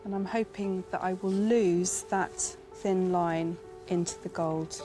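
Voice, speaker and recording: A woman conservator calmly explaining her restoration work step by step. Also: fairly low pitch, slow, faint music behind. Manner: calm, methodical step-by-step explanation.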